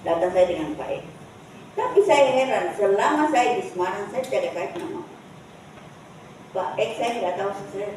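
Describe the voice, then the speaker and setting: A woman gives a personal testimony at a church service, speaking in a halting, repetitive way, recorded from a distance. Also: mid-range voice, expressive, darkish tone. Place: church hall. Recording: echoey church hall from far off, faint noise.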